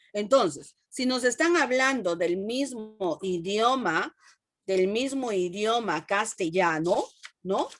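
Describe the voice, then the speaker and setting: A woman with a Peruvian Spanish accent teaching a class, asking the students questions and repeating phrases slowly. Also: on the high side. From Peru. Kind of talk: classroom lesson.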